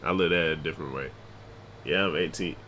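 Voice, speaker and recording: A man's voice: extremely low pitch, a little fast, sharp tone, a little hiss or hum. A man hosting a reaction video, laid-back and talking straight to his audience. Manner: laid-back, laughs, talks to the audience, says "bro". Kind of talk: casual reaction commentary.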